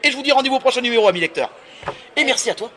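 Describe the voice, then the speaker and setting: A man hosting a book channel, firing off quick playful interview questions with a joking manner. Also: very high-pitched, expressive, sharp tone, slight background noise.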